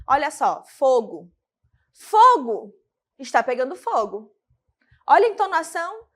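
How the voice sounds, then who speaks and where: Brazilian lady teacher, high-pitched, keeps checking the kids follow along. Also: a bit bright. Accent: Brazilian Portuguese. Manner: didactic, addresses students directly with frequent check-ins. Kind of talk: recorded classroom lesson.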